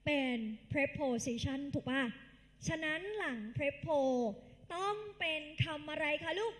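A woman's voice: sits high, takes it slowly, a bit bright. A woman tutor giving a live exam-prep English lecture, quizzing the class in call-and-response and calling the students kids. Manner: calls the students kids and dear. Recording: long hall reverb.

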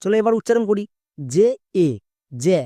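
A man teaching English pronunciation in a spoken video lesson, breaking words down step by step and putting quick questions to the viewer. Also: high-pitched, very animated, mellow, dry recording, clean studio sound.

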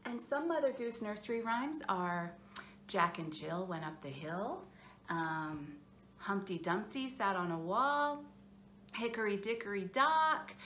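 A woman children's librarian leading a storytime, talking to small children in an animated, expressive way. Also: mid-range voice, reverberant, a little hiss or hum.

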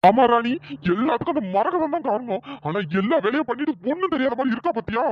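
A voice actor voicing a stern middle-aged cartoon father who reproaches his family, with a pitch-shifted voice. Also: expressive, fast talker, no room sound. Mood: bitter. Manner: reproachful, lecturing. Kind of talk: cartoon storytelling dialogue. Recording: dry, dull lo-fi sound.

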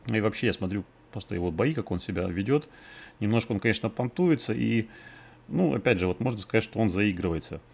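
A man's voice: lowish voice, expressive, quick pace, creaky, husky. A man hosting a betting podcast, previewing fights in a casual, hesitant way, thinking aloud with many fillers. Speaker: MMA betting podcast host.

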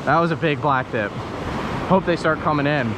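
A man in his thirties casually narrating on camera as he fishes from a beach, explaining each step and getting excited when fish bite. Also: a little high, moderate pace. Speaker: fishing vlogger. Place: sandy beach outdoors by the surf. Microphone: action camera, head-mounted and handheld. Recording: outdoor beach audio with loud surf and wind. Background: crashing waves and wind.

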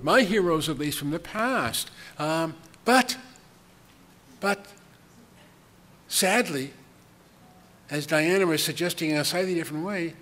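A man's voice: a little high, fairly bright tone. Older male keynote speaker, chatty and wry, at a podium mic in a big echoing hall. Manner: conversational, chuckling asides, frequent ums. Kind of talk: conference keynote lecture. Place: large conference hall with audience. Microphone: podium microphone. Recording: long hall reverb, faint room noise.

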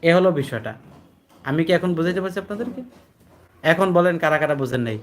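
Patient teacher, slow chanting. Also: male voice, a little high, lively intonation, slight background noise. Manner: patient, repetitive, checks understanding with questions; chants recited words slowly, drawing out syllables. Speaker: Quran reading teacher; addressed as hujur by students. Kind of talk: classroom lesson explaining recitation rules. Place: classroom with adult students.

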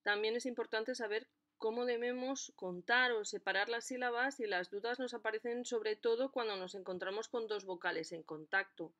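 A woman explaining a lesson in a clear, deliberate way, stressing the syllables of her examples. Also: a little high, steady tone, a bit bright, dull audio. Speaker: language teacher.

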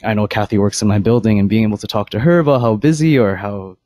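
A man's voice: fairly low pitch, fast talker, mellow, no room sound, lo-fi sound. A man giving a short impromptu speech at a club meeting, laying out three points and stumbling with nervous laughs. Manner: structured but flustered, stumbles and laughs. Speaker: club member answering a question. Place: cafe meeting room.

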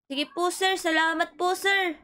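A woman hosting a playful game role-play, polite and excitable, fussing over her friend. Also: extremely high pitch, a little slow.

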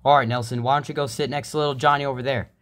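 A man's voice: medium pitch, fairly even intonation, racing, fairly bright tone, close to an everyday voice. A man voicing a goofy, formal, weary male schoolteacher in an amateur sock puppet comedy. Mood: instructing.

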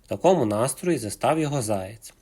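A man narrating a folk fairy tale for children in an expressive storytelling manner. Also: mid-range voice, brisk, husky.

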